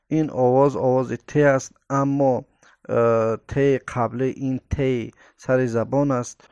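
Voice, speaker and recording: A man teaching the Arabic alphabet, slowly naming each letter and repeating its sound with many hesitant fillers. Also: medium pitch, a little mellow, smooth, dry recording, studio quality. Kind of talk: step-by-step pronunciation lesson.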